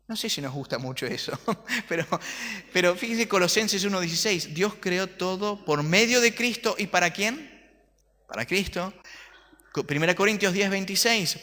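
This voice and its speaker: Animated Argentine pastor preaching in a hall. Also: male voice, sits high. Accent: Argentine Spanish. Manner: animated, rhetorical questions, jokes with the congregation. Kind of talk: sermon. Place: church hall.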